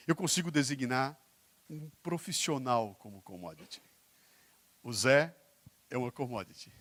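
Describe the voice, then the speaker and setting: A man with a Brazilian Portuguese accent gives a motivational stage talk. His voice sits high for a man and swings widely in pitch. He teases the crowd and fires quick questions at it. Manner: joking, teasing the audience, quizzing the crowd. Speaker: keynote speaker. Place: stage before a live audience.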